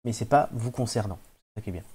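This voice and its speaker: A man's voice: lowish voice, fast talker, a little mellow, breathy edge. A man hosting a casual quiz podcast who teases the players and builds mock suspense around their scores. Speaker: quiz host.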